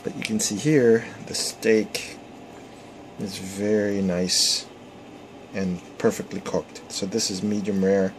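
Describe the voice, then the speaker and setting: A man's voice: fairly low pitch, fairly even intonation, slow pace, poor audio. A man casually narrating a home cooking demo at the stove, hesitant with many ums and restarts, filmed on a phone. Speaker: home cook demonstrating. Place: home kitchen, searing at the stove. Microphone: phone camera. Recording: phone video with sizzling pan noise. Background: frying sizzle.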